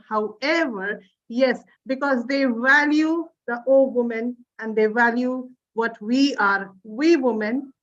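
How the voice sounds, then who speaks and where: A woman hosting an online group session, introducing speakers in a slow, encouraging way over a video call. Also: high-pitched, a bit bright, lo-fi sound. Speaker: session host. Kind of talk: online group meeting moderation.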